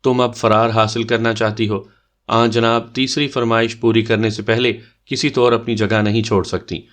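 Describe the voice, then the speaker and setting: A man's voice: mid-range voice, little pitch movement, a bit bright, close to an everyday voice. A man voicing a mischievous young man who leads a party game and teases his sister, in a bantering tone. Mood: teasing. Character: teasing playful young man, game leader.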